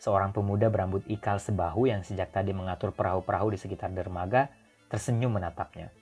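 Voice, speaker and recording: A man reading a story aloud as an audiobook narrator, in a calm, even manner. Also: sits low, fast, slightly rough, soft background music. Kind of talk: scripted narration.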